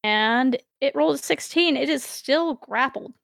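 Female game master for tabletop fantasy, higher voice, measured dramatic narration, close dry sound. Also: creaky, a bit bright, no echo.

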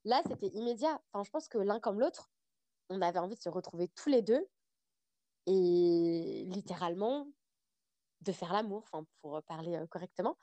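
A young adult woman, a podcast guest, telling a personal story in a casual, animated way with lots of fillers. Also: lowish voice, normal speed, no echo.

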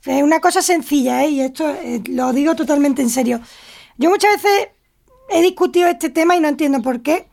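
A woman co-host with a high voice and a gravelly, fry-laden edge. She presses her question in an earnest, insistent way during casual radio chat. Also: fairly quick, a little mellow.

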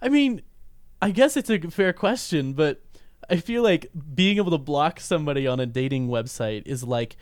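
A young man chatting about a film with a friend, his pitch jumping all over as he acts out scenes and laughs. His voice sits a little high for a man. The sound is dry and close, with no room around it. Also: animated, normal speed, no echo. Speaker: podcast co-host. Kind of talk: casual movie review chat.

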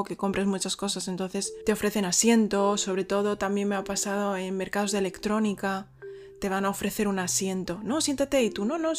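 A woman in her thirties from Spain, with a Spain Spanish accent, chatting casually as host of her own vlog. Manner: chatty, acts out quoted people in a high voice. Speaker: vlogger host. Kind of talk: casual chat to camera.

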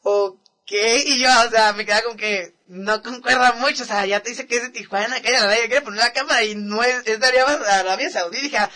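A man's voice: very high voice, a little fast, few pauses, sharp tone. A young man with a northern Mexican accent, chatting casually and telling a story in slang, laughing often. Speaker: podcast co-host. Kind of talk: casual chat.

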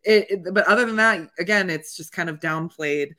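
A woman's voice: on the low side, normal speed, bright, forceful tone. A woman co-hosting a podcast in a casual film chat, laughing often and talking expressively. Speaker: podcast co-host.

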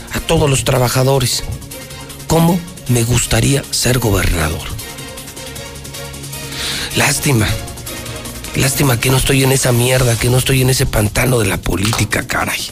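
A Mexican man hosting a live phone-in opinion show, speaking in an emphatic, repetitive, colloquial way with sarcastic rhetoric. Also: medium pitch. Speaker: radio and TV talk show host. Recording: music bed behind the voice. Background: background music.

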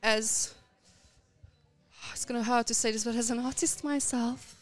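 A woman who works as a voice actress, talking casually as a podcast guest in animated bursts with frequent restarts. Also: a little high, measured pace. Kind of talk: casual conversation.

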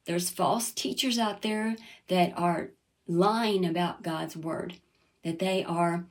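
Earnest woman preaching a sermon. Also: mid-range voice. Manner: earnest, calls out "Amen?" to listeners; reads scripture aloud and acts out quoted voices.

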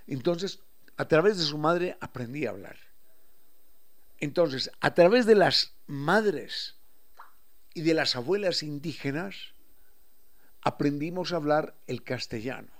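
A man with an Ecuadorian highland accent giving a reflective radio talk, explaining things with examples and acting out local turns of phrase. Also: expressive, takes it slowly, long pauses. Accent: Ecuadorian highland Spanish.

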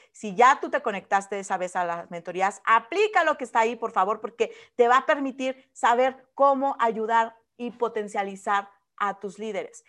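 A woman giving a lively, emphatic motivational mentoring talk, often asking her listeners rhetorical questions. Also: medium pitch. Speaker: business mentor.

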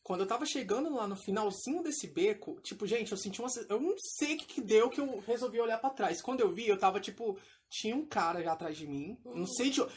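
A woman's voice: mid-range voice, animated, fast, darkish tone, slightly rough. A young woman telling a story in casual chat, reacting expressively. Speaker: group chat participant.

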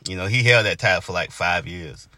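A man's voice: low-pitched, a little fast, bright, forceful tone, no room sound. A man, co-hosting a casual podcast chat, rambling with lots of fillers. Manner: laid-back, rambling with many fillers. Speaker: podcast co-host.

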